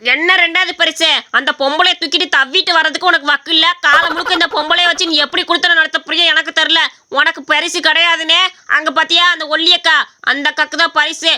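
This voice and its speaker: A woman's voice: very high voice, pushed and bright, full character voice. A woman voicing a cheeky, cocky young village man who teases others and brags in a cartoon story. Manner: mocking, boastful.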